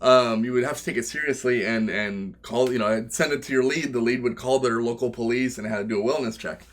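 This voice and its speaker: A man telling stories in a casual interview, swearing freely and jumping into quoted voices. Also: brisk. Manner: animated, acts out quoted voices with big pitch jumps, swears freely. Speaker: guest, wrestler and former game tester. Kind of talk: casual storytelling.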